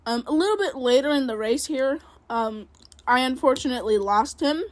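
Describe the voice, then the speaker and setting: A woman's voice: sits high, expressive, normal speed. A woman giving casual play-by-play commentary on her own racing game, rambling and self-critical, with many fillers. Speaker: gaming video creator.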